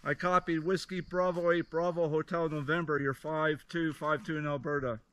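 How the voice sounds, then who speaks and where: Guy doing ham radio calls on a mountaintop, reads call signs and signal reports, kinda high voice, noisy background. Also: level tone, normal speed, a bit bright. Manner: crisp call-sign readouts and signal reports. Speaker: amateur radio summit activator. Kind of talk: ham radio calling in phonetic alphabet. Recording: noisy outdoor recording.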